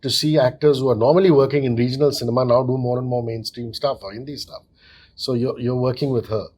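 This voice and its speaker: A man's voice: mid-range voice, fairly even intonation, fast talker, a little mellow. A man hosting an interview, asking long questions and heaping praise on his guests. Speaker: host.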